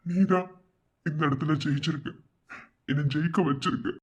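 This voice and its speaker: A man with a Madurai Tamil accent voicing an excitable, emotional young husband in a cartoon. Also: a little high, moderate pace, husky, lo-fi sound. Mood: tearful. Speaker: office manager who wins a tender. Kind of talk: cartoon voice acting.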